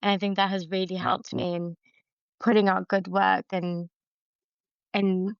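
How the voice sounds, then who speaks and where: Woman, 20s, smooth low-ish voice, slightly muffled remote audio. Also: little pitch movement, unhurried, dry recording. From Singapore. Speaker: trainee lawyer, interview guest. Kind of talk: podcast interview.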